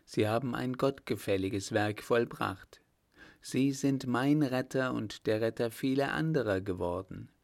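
A man voicing a shy, frightened young woman in a read-aloud novel, speaking gently and pleadingly. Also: medium pitch, measured pace, vocal fry. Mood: earnest.

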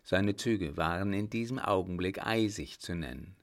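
A man reading a historical novel aloud as an audiobook narrator, in a measured, even manner. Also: low-pitched, gravelly. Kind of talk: scripted narration.

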